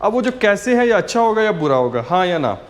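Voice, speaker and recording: A man with a fairly high voice teaches a beginner language class in a casual, friendly way. He says each new word again and again, slowly and clearly, so learners can copy him. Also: big pitch swings. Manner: repeats each word slowly several times for pronunciation drill. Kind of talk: online language lesson.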